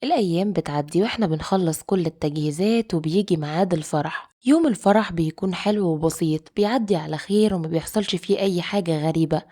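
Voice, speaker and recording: Egyptian woman storyteller; quick, low, mellow, confides in listeners. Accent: Egyptian Arabic. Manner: confiding, addresses listeners directly. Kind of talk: first-person story narration.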